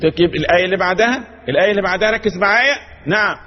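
High-voiced Egyptian teacher drilling students. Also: male voice, racing, in a large hall, dull audio, faint music behind. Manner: emphatic, repetitive drilling of students. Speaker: Quran recitation teacher. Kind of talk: teaching a class.

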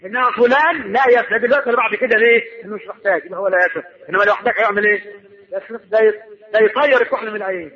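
Egyptian man, very high voice, rapid questioning preacher; dull lo-fi recording. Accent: Egyptian Arabic. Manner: asks the audience questions and answers them himself. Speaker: preacher teaching Arabic grammar. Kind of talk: colloquial religious lesson.

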